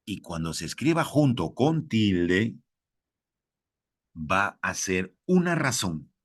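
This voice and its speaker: A man's voice: deep voice, big pitch swings, slow pace. A man with a Peruvian Spanish accent teaching a lesson, addressing fellow teachers and repeating each key point.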